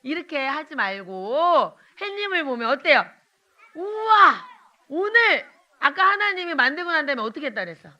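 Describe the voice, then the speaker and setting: Woman evangelist, children's sermon, high and very bright, sing-song questions to kids. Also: sing-song. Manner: slow line-by-line prayer for children to repeat. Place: church.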